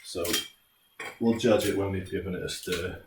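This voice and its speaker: A man's voice: sits low, steady tone, normal speed. A British man presenting a recipe in a laid-back, jokey, chatty way, like a casual cooking tutorial. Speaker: home cook presenting a recipe. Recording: roomy, distant mic, faint noise.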